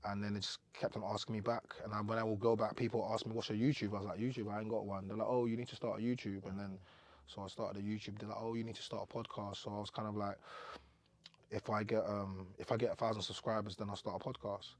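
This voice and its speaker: A young man, on as a podcast guest and telling his story in loose, easygoing chat. His voice sits low, and the sound is dry and close with almost no room around it. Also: fast, no room sound. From Cameroon. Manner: relaxed, rambling storytelling with many fillers. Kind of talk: casual interview chat.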